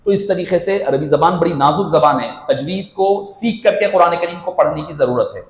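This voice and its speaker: A man's voice: on the high side, normal speed, reverberant, rough recording. A man giving a religious lecture, explaining to his listeners in a teacherly way with everyday examples. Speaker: Islamic lecturer.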